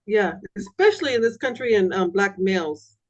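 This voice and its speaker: A woman's voice: mid-range voice, animated, normal speed, dull audio. A woman client in a healing session, steadily and earnestly repeating statements after her healer.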